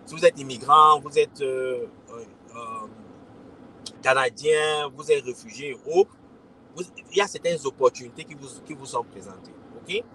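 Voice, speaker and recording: A man's voice: medium pitch, moderate pace, pushed and bright, rough recording. Cameroonian man chatting with followers. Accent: Cameroonian French. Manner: repetitive, addresses listeners as "les gars", frequent "ok?". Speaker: crypto consultant and community host. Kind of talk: casual livestream talk to followers.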